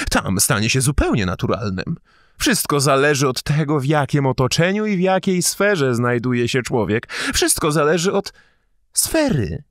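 A man reading an audiobook, voicing an excitable young male idealist who lectures in a shrill, fervent, touchy way. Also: no room sound, studio quality. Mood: preachy. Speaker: audiobook reader.

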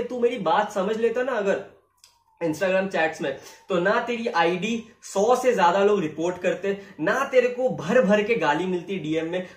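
A man's voice: sits high, recorded from a distance. Heated young man ranting, echoey room. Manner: heated, confrontational, repeats phrases. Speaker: YouTuber. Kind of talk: angry rant to camera.

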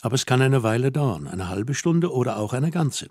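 A man reading a calm, gently scolding young woman. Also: mid-range voice, moderate pace, slightly rough, no room sound, studio quality. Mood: soothing. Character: stern, motherly young woman teasing a lonely man.

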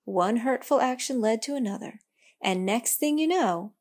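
A woman voicing a wise old elm tree who speaks calmly and reassuringly. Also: fairly high pitch, normal speed, voice pushed up. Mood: gentle. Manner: calm, gentle, reassuring.

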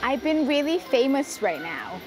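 A woman's voice: high-pitched, very animated, a little slow. A woman voicing a proud, pampered female houseplant who boasts about being loved and wanted. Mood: boastful. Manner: boastful and pleased with herself. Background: background music.

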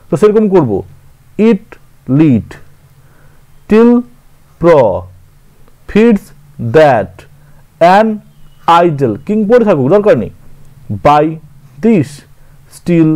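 Bengali-accented male tutor, fairly high voice, walks through poetry meter slowly and corrects himself as he goes. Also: a little mellow. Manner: slow, counting aloud and correcting himself. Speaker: literature teacher. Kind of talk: scanning verse syllable by syllable.

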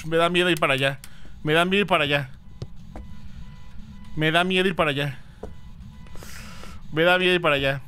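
A man's voice: fairly high pitch, steady tone, brisk, long pauses, bright, forceful tone, soft background music. A man streaming a ghost-hunting game, chatting with viewers and thanking them, with dramatic exclamations. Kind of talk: live game stream with chat.

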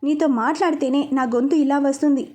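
A woman reading the lines of a bossy young sister who scolds loudly. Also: high-pitched, fairly even intonation, fast, natural voice. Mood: scolding. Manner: scolding, loud. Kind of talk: storybook reading.

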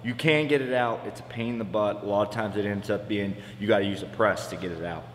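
Talking quickly in a lowish voice, a welder in his thirties gives down-to-earth fabrication instruction in a big metal shop. A camera mic some distance away picks him up with slight background noise, and the shop echoes with long reverb.

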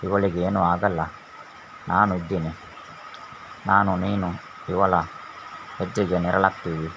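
A busy, reassuring young husband, read by a man in a deep, level voice. The delivery is calm and plain. The recording sounds muffled and lo-fi, with a light hiss. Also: measured pace. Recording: dull lo-fi with faint hiss.

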